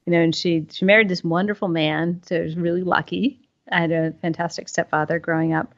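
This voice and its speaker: A middle-aged CEO from northern Maine, appearing as a podcast guest, answers interview questions in a low, steady voice. She's thoughtful and halting, using many fillers and often restarting her sentences. The audio is dull and lo-fi, with faint music in the background.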